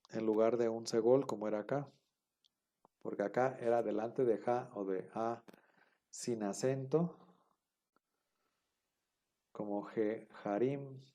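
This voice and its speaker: Mellow-voiced male teacher, patient lecture delivery. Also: mid-range voice. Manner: patient, explains step by step, checks understanding often. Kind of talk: online class lecture.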